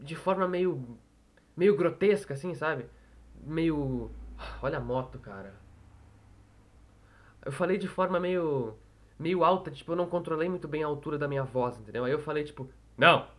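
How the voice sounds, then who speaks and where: A young Brazilian man with a slightly high voice tells a story into a desk microphone in his room at home. He rambles, swears freely and keeps correcting himself mid-sentence, in a loose, unscripted way. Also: lively intonation, normal speed. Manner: rambling, profane, self-correcting. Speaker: storyteller vlogger. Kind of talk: casual storytelling monologue. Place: room at home on a noisy street. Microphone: desktop microphone.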